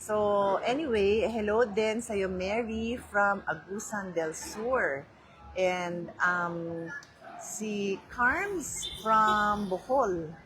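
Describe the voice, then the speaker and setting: A woman's voice: mid-range voice, very slow, a bit bright, poor audio. Chatty Filipino woman hosting a phone livestream. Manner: chatty, mixes English into Filipino, greets viewers by name. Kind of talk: casual live chat, greeting viewers. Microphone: handheld phone.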